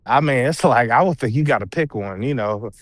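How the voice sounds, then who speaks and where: A man co-hosting a sports podcast, talking in an animated, teasing, slangy way. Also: medium pitch, a little fast, dry recording. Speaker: podcast co-host. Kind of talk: casual sports debate.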